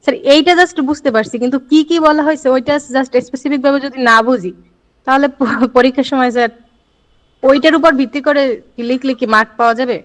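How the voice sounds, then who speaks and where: A woman's voice: high voice, quick pace. A female student from Bangladesh, asking her teacher polite, hesitant questions in a live class. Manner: asks politely, many fillers, calls the teacher sir.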